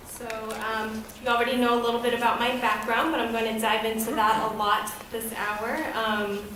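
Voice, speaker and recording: A woman's voice: a little high, level tone, moderate pace, fairly bright tone, distant mic, slight background noise. A woman in her thirties from the United States, giving a candid, conversational personal talk as a guest presenter at a podium. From United States, grew up in Boston. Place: event hall, speaking at a podium. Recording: very echoey hall.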